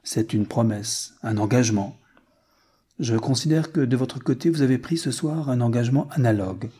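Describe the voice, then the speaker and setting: A man's voice: mid-range voice, normal speed, warm tone, slightly rough, close to an everyday voice. A man reading the lines of a frank, determined rich American, blunt and earnest.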